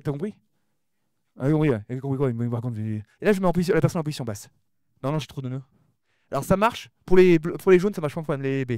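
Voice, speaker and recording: Male conference speaker, rapid-fire and mumbly, mellow tone, dry close sound, lots of repeats and restarts. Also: on the high side, dry recording. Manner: talks fast and mumbles his words; often repeats words and restarts sentences. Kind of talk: lively conference talk addressing the audience.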